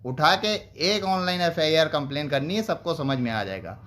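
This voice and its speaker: A man's voice: a little high, animated, moderate pace, pushed and bright. A young man organizing a teachers' group, talking on a live stream, earnest and appealing, growing heated and insistent as he answers viewers.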